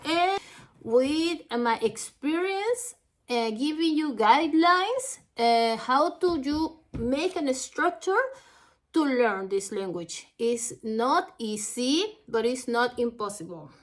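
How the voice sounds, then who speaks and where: This woman from Ecuador, a Spanish native with a Latin American accent, leads a language lesson slowly and cautiously, one phrase at a time, in a high, expressive voice.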